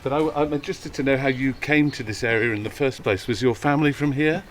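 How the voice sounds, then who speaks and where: A podcast host conducts a walking interview outdoors, firing off short, curious questions while climbing a hill and sounding a bit out of breath. His voice sits at medium pitch and he talks fast. The mic is slightly distant, picking up faint noise.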